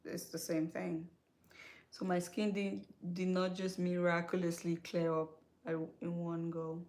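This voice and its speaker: A woman's voice: fairly low pitch, flat delivery, a little slow, darkish tone. A young woman from Cameroon, chatting casually to her viewers as a skincare vlogger while she does her makeup, with many fillers, repeated words and self-corrections.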